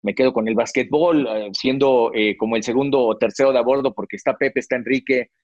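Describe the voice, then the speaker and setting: A middle-aged man, a sportscaster appearing as an interview guest, looks back on his career in reflective stories, full of fillers and restarts. His mid-range voice is brisk with a darkish tone. The recording is dry and slightly dull, with no echo.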